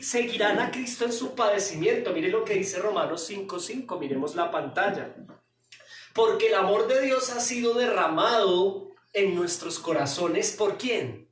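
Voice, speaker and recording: Male pastor, expressive sermon, rhetorical questions, echoey church hall. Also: sits high. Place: church sanctuary. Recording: roomy hall, distant mic.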